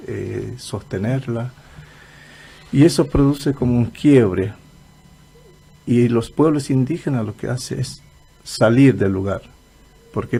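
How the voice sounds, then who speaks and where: A man talks in a slow, measured, earnest way. His voice is heavily gravelly and rough. The tone is dark and mellow. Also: mid-range voice. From Argentina. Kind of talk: reflective radio interview.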